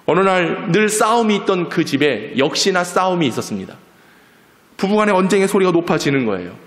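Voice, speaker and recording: Animated male pastor in an echoey church. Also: sits high, brisk. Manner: storytelling sermon acting out family quarrels in quoted voices. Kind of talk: sermon. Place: church sanctuary.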